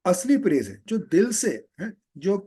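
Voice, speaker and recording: A man's voice: high-pitched, very animated, measured pace, mellow, breathy edge. A man explaining a sacred text in a live class, patient and often checking that his students follow. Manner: patient, keeps asking "है?" to check understanding. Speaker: teacher of scripture. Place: online live session. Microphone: video call.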